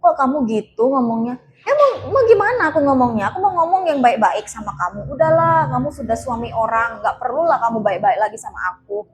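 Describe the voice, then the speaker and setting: A woman voicing a hurt, bitter married woman who fires sharp, reproachful questions. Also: high voice, animated, fairly quick. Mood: annoyed.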